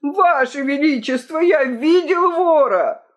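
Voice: medium pitch, lively intonation, a little slow, lightly acted. Frightened servile key keeper, voiced by the reader. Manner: loud wailing, pleading. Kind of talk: storybook reading. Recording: dull lo-fi recording.

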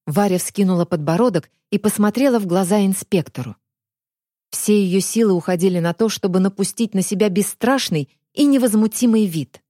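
A woman's voice: medium pitch, moderate pace, dark tone, no echo, studio quality. A woman reading an audiobook with vivid, dramatic scripted narration.

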